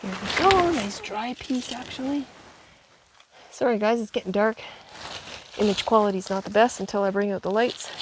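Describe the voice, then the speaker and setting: A woman vlogging casually at a backcountry campsite, chatty and quick to laugh, filming on a handheld camera. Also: medium pitch. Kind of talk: casual camping vlog chat. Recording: outdoor clip with steady background noise.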